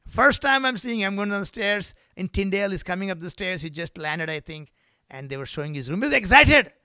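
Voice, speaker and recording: A man preaching a sermon in a church, swinging between loud exclamations and soft whispered passages. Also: high voice, lively intonation, a little fast, smooth, dry recording. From Canada. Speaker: guest preacher.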